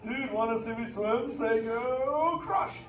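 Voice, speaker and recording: Speaking with an extremely high pitch and a slow pace, a live show character performer voices a male sea turtle who's a laid-back, slangy surfer dude, joking around with a live audience during an interactive show. The recording, made from far off in an echoey theater, is noisy.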